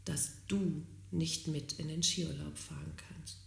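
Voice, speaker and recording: A woman's voice: low voice, fairly even intonation, slow pace, gravelly, roomy sound, full character voice. A woman quoting her offhand, self-centered boyfriend in a casual, dismissive tone.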